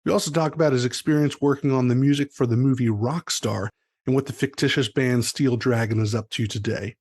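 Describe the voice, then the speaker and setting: Hosting a music show, a man introduces and interviews guests in an upbeat, promotional way, mixing an enthusiastic scripted intro with casual chat. His voice is mid-range, husky, and darkish in tone, steady and a little fast.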